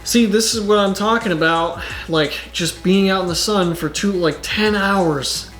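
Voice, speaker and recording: A man's voice: high voice, unhurried, fairly bright tone, soft background music. A man doing casual reaction commentary on his channel, rambling and exasperated, with lots of filler words. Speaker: YouTuber.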